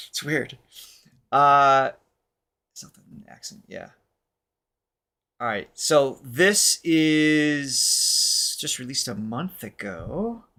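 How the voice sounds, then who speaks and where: A man co-hosting a live music reaction podcast, chatting casually, upbeat and quick to laugh. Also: mid-range voice. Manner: upbeat and animated, laughs often. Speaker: podcast co-host running a live reaction stream.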